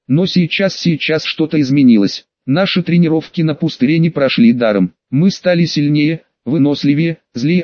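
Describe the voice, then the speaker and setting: A man reading a first-person audiobook in a steady, even storytelling manner. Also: fairly high pitch, no echo, highs cut off. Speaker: audiobook narrator.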